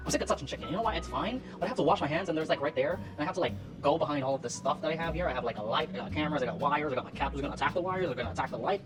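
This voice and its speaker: In her twenties and from the Philippines, this cooking vlogger rambles casually and pokes fun at herself while cooking in her home kitchen. Her low voice is animated and rapid-fire with few pauses, and loud music plays behind her.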